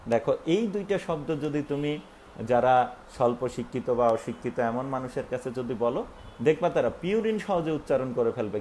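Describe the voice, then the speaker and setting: Male teacher, animated pitch, explains step by step and quizzes himself out loud; faint hiss behind the voice. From Bangladesh. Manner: explains step by step, asks and answers own questions. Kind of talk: recorded online lesson with screen.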